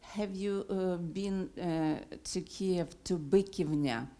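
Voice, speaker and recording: Older woman from Ukraine, deep hesitant voice. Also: slow pace, mellow. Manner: hesitant, many fillers, non-native grammar. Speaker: audience member asking a question. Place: auditorium at a public event. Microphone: handheld microphone.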